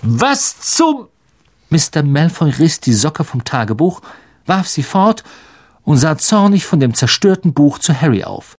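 An audiobook reader narrating a story in an unhurried, expressive way. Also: medium pitch.

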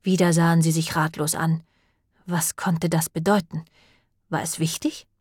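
A woman narrating an audiobook in an even, measured way. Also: deep voice, husky, dry recording, studio quality. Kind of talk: scripted narration.

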